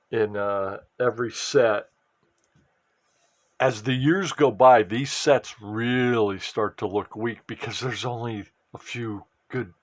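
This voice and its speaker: A man chatting casually while opening a pack of sports cards, rambling with restarts and trailing asides. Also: fairly low pitch. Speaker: sports card collector and fantasy football vlogger.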